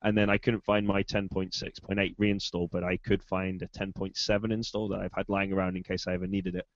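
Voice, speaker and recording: A man's voice: low-pitched, level tone, fairly quick, no room sound. A man co-hosting a casual podcast, rambling through a long self-deprecating explanation. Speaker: podcast co-host. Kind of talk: casual chat. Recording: dull, dry lo-fi call audio.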